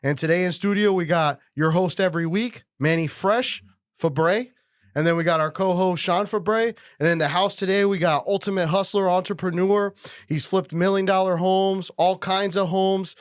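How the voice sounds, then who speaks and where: A man hosting a business podcast, introducing a guest in an energetic, hyped-up way. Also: high-pitched, moderate pace, no echo, studio quality. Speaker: podcast host. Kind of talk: podcast intro and casual chat.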